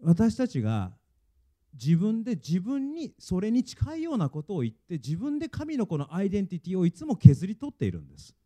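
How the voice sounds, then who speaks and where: A man's voice: sits high, huge pitch swings, fairly quick, dark tone. A male pastor preaching a sermon earnestly and emphatically, and leading his congregation in reading aloud.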